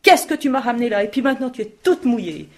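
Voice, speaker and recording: Brief: cold fairy-tale stepmother, curt and scolding, voiced by a woman storyteller, gravelly. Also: fairly high pitch, animated, normal speed. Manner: sharp scolding commands. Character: harsh stepmother, cold but later remorseful.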